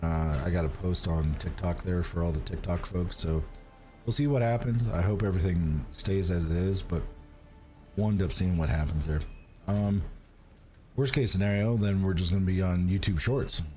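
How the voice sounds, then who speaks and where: His voice sits low and warm at a moderate pace, with faint music behind him. This man is getting over a cold and rambles through casual gaming-stream chat with his viewers, leaning on fillers and restarting often.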